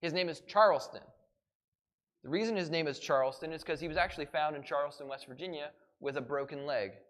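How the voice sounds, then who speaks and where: A man's voice: a little high, fairly quick, a bit bright. A man giving a playful live educational talk as a falconer, quizzing a family audience with questions in an indoor library room.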